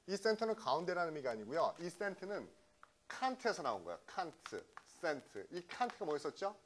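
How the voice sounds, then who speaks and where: A middle-aged man from South Korea giving a lively English vocabulary lecture, often checking in with his students. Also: a little high, fairly quick, a little hiss or hum. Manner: lively, keeps checking in with the class. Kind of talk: classroom lecture.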